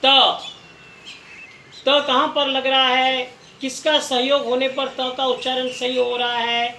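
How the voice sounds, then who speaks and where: Male teacher, slow and patient, bright tone, spells out sounds one by one; roomy echo. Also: extremely high pitch, monotone. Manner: patient, repeats each sound slowly for the listener to try. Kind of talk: recorded language lesson. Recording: echoey room, faint background noise.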